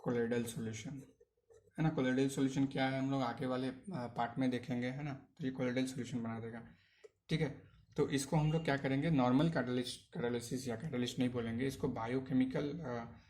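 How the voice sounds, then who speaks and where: A man teaching a chemistry lesson in Hindi, mixing in English terms. He keeps asking the class questions, answers them himself, and fills pauses with hesitations. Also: medium pitch, darkish tone, slight background noise. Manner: asks questions then answers them, frequent "है ना" tags; hesitant fillers. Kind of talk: online chemistry lecture.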